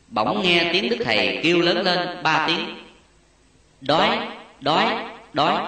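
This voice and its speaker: Man narrating a sacred memoir, slow and solemn, bright voice, heavy echo. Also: mid-range voice. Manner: slow, solemn, lively rise and fall. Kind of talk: reading a Buddhist memoir story aloud. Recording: echoey and distant.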